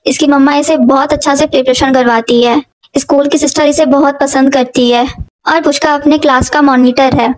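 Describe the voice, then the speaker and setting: A young woman with a notably high voice tells her vlog in a casual voice-over. She is chatty and doting and keeps turning to her viewers as she talks. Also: fairly even intonation, normal speed, rough recording. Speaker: vlogger, aunt narrating a child's birthday.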